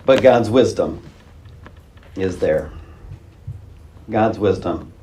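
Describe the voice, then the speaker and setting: A man's voice: low-pitched, extremely slow, warm tone, slight background noise. A male pastor preaching a conversational, wry sermon with chuckling asides. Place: church sanctuary. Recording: roomy church sanctuary.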